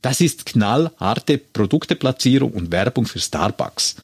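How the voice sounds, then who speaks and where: A man's voice: mid-range voice, big pitch swings, unhurried, slightly rough, dry recording, clean studio sound. A man casually retelling a film scene by scene in a chat. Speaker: podcast co-host retelling a film.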